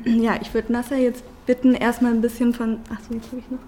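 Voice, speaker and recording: A woman moderating a talk speaks in a slightly high but flat voice, pausing on fillers. Faint room noise sits behind her. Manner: hesitant, with fillers.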